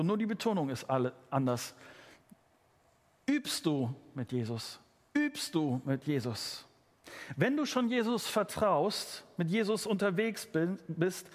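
A man's voice: high voice, in a large hall. A man preaching a sermon, speaking earnestly and addressing his listeners directly.

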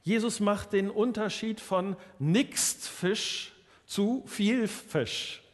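A man's voice: high voice, drawn-out words, big-room sound. A man preaching a sermon earnestly, often restarting and repeating his words. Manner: earnest, many restarts and repetitions.

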